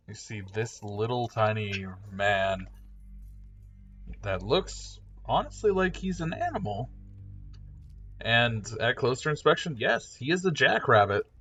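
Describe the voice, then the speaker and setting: A man's voice: medium pitch, fairly bright tone, highs cut off. A man narrating as game master of a tabletop game, talking loosely and casually with lots of fillers.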